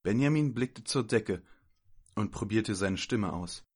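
Man reading a storybook, lowish voice, calm and steady. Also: unhurried, breathy edge. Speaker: narrator.

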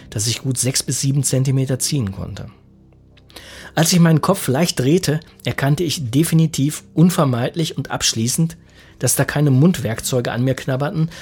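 A man in his forties reading a humorous first-person story in a wordy, self-mocking, deadpan manner. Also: medium pitch, breathy edge. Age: 40s. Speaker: narrator.

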